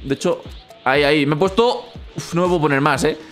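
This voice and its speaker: Brief: playful young man, excited game commentary, repeats words in bursts. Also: fairly high pitch, fast talker, faint music behind. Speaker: gaming youtuber.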